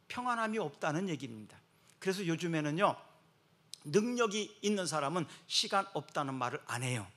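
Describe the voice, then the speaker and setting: A man preaching a sermon to his congregation, swinging between loud emphatic exhortation and soft, slow, comforting passages. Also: a little high. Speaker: pastor.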